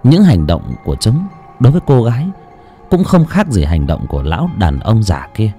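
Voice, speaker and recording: A man's voice: fairly low pitch, wildly swooping pitch, moderate pace, warm tone, soft background music. A man narrating an audiobook expressively. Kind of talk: storytelling narration.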